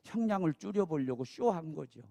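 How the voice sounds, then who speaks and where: Male pastor, sermon, high pitch, very lively intonation, chatty with sudden loud emphasis. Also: brisk, vocal fry. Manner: animated preaching, swings from soft asides to loud emphatic climaxes; conversational, asks the congregation "예?" for assent.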